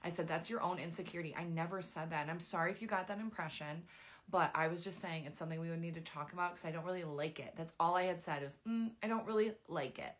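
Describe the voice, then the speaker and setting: Woman, young adult, low-pitched, casual storytelling, animated and chatty. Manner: chatty, animated retelling with lots of "like". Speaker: vlogger telling a dating story.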